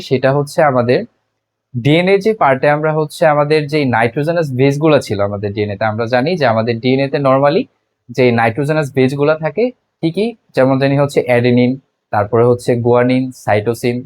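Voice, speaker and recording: A man's voice: a little high, a little mellow, no echo. A young man with a Bangladeshi Bengali accent giving a biology lecture, explaining step by step and asking and answering his own questions. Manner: constant filler words, frequent restarts. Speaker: biology tutor. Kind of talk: classroom lecture.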